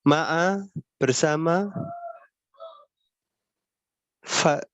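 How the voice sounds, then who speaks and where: Slow, hesitant male student. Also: a little high, dry recording, low-quality recording. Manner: slow, hesitant recitation with pauses. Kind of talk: reciting vocabulary in class.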